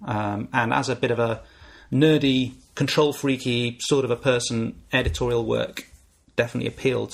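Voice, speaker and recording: A man in his forties from the north of England, with a softened northern English accent, hosting his own podcast in a reflective, candid monologue. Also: medium pitch, creaky. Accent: northern English, softened by years in the south. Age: 40s. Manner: reflective, candid, thinking aloud with small restarts. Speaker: podcast host.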